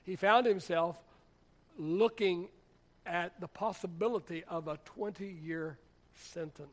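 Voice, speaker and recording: A man's voice: high voice, slow pace. A man, a pastor, preaching a sermon in a church in a conversational, humorous storytelling way. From United States.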